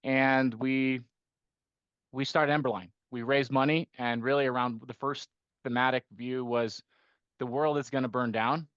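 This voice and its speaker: A man's voice: mid-range voice, steady tone, a little slow, clear, resonant tone, no echo, highs cut off. A middle-aged man who grew up in Costa Rica, talking through his investment work as a podcast guest, with many restarts and rhetorical "right?" tags. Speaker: guest, investment firm managing partner. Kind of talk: conversational podcast interview.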